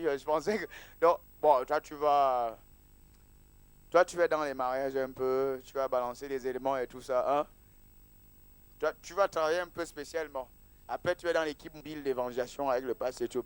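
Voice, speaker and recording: A man's voice: on the high side, smooth, no echo. A man preaching as pastor at a church service, casual and teasing, mixing sermon with banter with the congregation.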